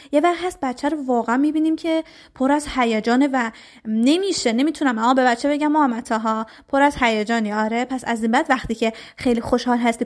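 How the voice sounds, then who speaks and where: High-pitched lady teaching parents, chatty and direct, acts out what to tell the kid. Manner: lively and direct, acts out short lines to the child. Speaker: parenting educator. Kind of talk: parenting advice talk.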